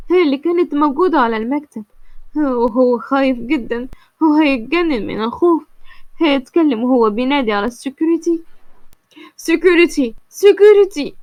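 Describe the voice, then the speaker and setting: A woman's voice: high-pitched, no echo. A woman with an Egyptian accent narrating a comic story and chatting directly to her viewers. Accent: Egyptian Arabic. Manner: lively, addressing viewers directly.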